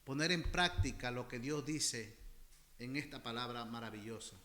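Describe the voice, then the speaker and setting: A man's voice: mid-range voice, moderate pace. A man preaching a sermon as pastor, impassioned, often calling his listeners brothers and repeating phrases for emphasis. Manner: repeats phrases for emphasis, swinging between loud and soft.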